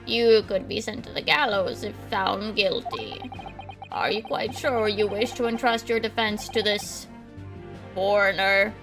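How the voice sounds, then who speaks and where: A woman's voice: mid-range voice, unhurried, a bit bright, rough recording. A woman voicing a stern, pompous elderly male British judge, reading game lines on a livestream, with faint music behind. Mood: stern, formal. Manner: formal, pompous.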